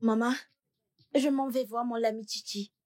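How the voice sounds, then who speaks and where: An actress dubbing a brash, talkative young village woman who thinks aloud and fires back quick retorts. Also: fairly high pitch, steady tone, darkish tone, natural voice. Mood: defiant. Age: young adult. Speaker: dub actress. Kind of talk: dubbed film acting.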